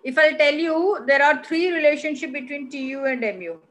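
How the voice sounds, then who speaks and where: A woman's voice: high-pitched, a little fast, a bit bright. A woman with an Indian accent teaching an online class as an economics teacher, instructive and repeating key phrases for emphasis. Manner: switches between English and Hindi. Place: online video call class.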